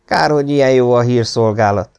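A man's voice: mid-range voice, vocal fry, darkish tone, clean tone, voice pushed up, lightly acted. A man voicing an insolent young aristocrat who is a thief, talking back in a cheeky, mocking way.

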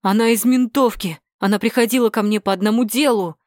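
A woman's voice: medium pitch, lively intonation, normal speed, no room sound, clean studio sound, close to an everyday voice. A woman voicing a nervous, cowardly male petty crook who stammers and squeals. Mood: shrill.

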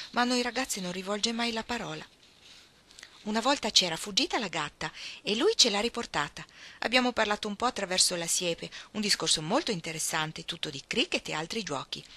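A woman's voice: lowish voice, sharp tone. A woman reading aloud and voicing a chatty young girl guest at a party in a storybook.

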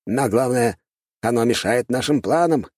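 A gruff old elder , played by a male narrator, speaks high and husky, with a slow grumble. He sounds weighty and wary. The recording is dry. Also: expressive, darkish tone, dry recording. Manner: impressed, gruff. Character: red-bearded old male elder in blue.

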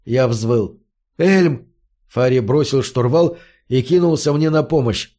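A man reading an audiobook aloud as a steady first-person narrator. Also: medium pitch, measured pace.

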